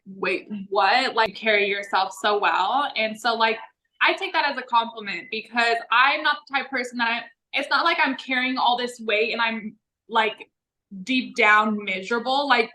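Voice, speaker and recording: A woman's voice: on the high side, pushed and bright, low-quality recording. A young woman in a casual Q&A chat with a friend, speaking informally with slang and lots of "like". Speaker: vlog co-host.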